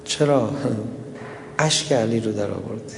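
A man's voice: on the low side, gravelly, big-room sound, background noise. A man preaching a sermon and retelling stories, tender at first and rising into mournful lament. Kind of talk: religious sermon with storytelling and lament.

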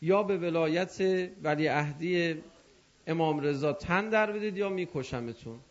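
A man's voice: a little high, lightly acted. A man voicing a harsh caliph who gives threatening orders. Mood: commanding. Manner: commanding, threatening. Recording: dull lo-fi recording.

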